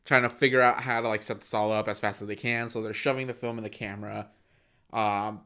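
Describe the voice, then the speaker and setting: A man's voice: lowish voice, fairly even intonation, a little fast, bright, forceful tone, clean tone. A young man co-hosting a movie podcast, easygoing as he recaps scenes with fillers. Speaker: podcast co-host. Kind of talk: casual movie review chat.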